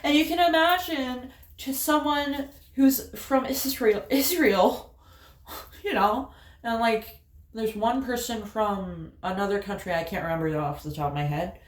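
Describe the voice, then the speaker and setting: Here the vlogger's voice is fairly high and reverberant, and she keeps a measured pace. With her Appalachian accent, she chats while doing her makeup, rambling through a story punctuated by fillers and laughter.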